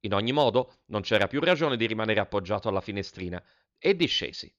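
A man's voice: fairly low pitch, fast, muffled recording. Man narrating a storybook. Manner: lively, expressive storytelling. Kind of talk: scripted narration of a children's novel.

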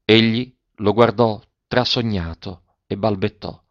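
Male audiobook narrator, grave and measured, low voice; dull lo-fi audio. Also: steady tone, a bit bright, no room sound. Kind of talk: scripted narration. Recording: dull, dry lo-fi recording.

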